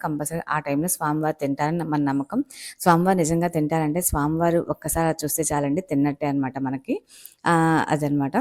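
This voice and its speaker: Low-voiced woman explaining patiently. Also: mellow. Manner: patient, explains step by step, many fillers. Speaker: home-maker channel host. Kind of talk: casual home tutorial.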